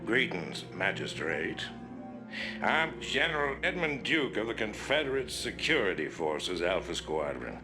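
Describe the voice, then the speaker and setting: Bossy army general, deep-ish and very animated, pompous, game briefing over music. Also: male voice, unhurried. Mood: commanding, stern. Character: pompous, commanding male military general. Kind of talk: video game briefing transmission.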